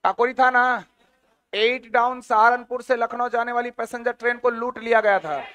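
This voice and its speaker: A man's voice: extremely high pitch, fairly even intonation, normal speed, pushed and bright. A man teaching an exam-prep history lecture, firing off questions and repeating the answers again and again.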